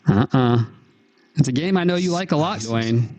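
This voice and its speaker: Lively, playful male podcast host. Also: medium pitch, normal speed, dry recording. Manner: playful, theatrical riddle-reading. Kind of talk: podcast intro and casual game chat.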